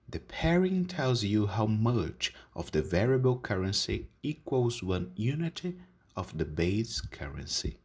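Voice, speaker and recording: Man, deep pitch, a little husky, measured, scripted educational podcast narration. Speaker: podcast host.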